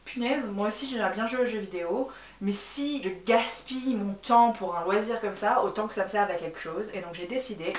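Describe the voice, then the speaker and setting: A woman's voice: medium pitch, brisk, far from the mic. Chatty French woman in a roomy space. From France. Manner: chatty, candid, lots of fillers and restarts. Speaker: YouTuber. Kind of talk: casual vlog storytelling. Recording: roomy echo, voice a bit off-mic, faint background noise.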